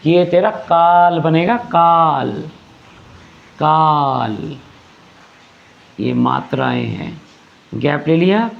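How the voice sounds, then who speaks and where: A man's voice: a little high, a little mellow. A man teaching a grammar lesson, explaining patiently, repeating phrases and asking rhetorical questions. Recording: dull lo-fi recording.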